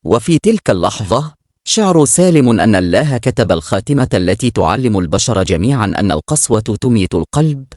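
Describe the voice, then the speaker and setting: A man's voice: lowish voice, big pitch swings, a little fast, darkish tone, dry recording, studio quality. A man narrating a scripted moral story in a solemn, dramatic storytelling manner.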